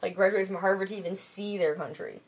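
A medium-pitched, quick-paced young woman from Michigan vlogs in a casual late-night chat, with slight background noise and music behind. Her talk is rambling, profane and heavy on fillers.

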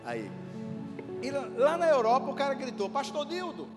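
A man preaches from a pulpit, his voice sitting very high and pushing hard on key phrases. He calls out to the congregation for answers. The sound carries a long hall reverb with music playing beneath. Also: wildly swooping pitch, moderate pace. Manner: emphatic preaching with call-and-response. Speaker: pastor. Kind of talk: sermon. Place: church hall. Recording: echoey hall with music behind.

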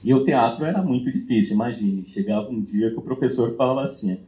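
A man's voice: medium pitch, fast, warm tone. A man sharing a personal story in a group meeting, reflective and casual, with frequent filler tags and restarts. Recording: roomy echo.

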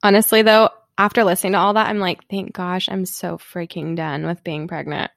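A woman's voice: lowish voice, normal speed, vocal fry, dry recording. Chatty woman telling stories, dry sound. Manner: animated storyteller who acts out quotes, heavy use of "like". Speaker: podcast co-host. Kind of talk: casual podcast chat.

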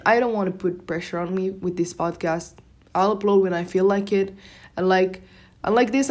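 Hosting her own relaxed solo podcast, a young woman from Morocco, a native Moroccan Arabic (Darija) speaker, wanders from thought to thought and frequently cuts herself off. She speaks at a medium pitch with a darkish tone.

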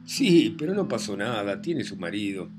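A man voicing a charming, romantic singer with a Rioplatense accent, in a smooth, tender manner. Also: fairly low pitch, sing-song, normal speed. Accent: Rioplatense Spanish.

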